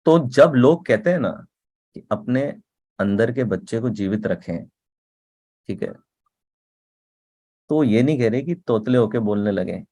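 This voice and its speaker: A man's voice: medium pitch, animated, measured pace, pauses often, dark tone. A man giving a motivational talk in a conversational way, often checking in with the listener and repeating words for emphasis. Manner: conversational, often asks "ठीक है?" and "right?".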